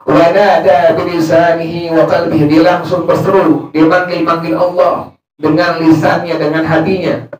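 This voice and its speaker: Preacher, male, slightly high voice, reads Arabic then explains casually, distant mic, echoey room. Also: level tone, normal speed. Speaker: religious teacher. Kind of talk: Islamic study sermon. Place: prayer room.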